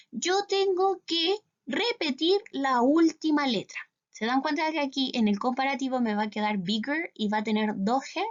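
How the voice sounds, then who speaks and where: A woman's voice: sits high, muffled recording. A Chilean woman teaching English to schoolchildren in a recorded class, explaining step by step and often checking with "¿cierto?". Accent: Chilean Spanish.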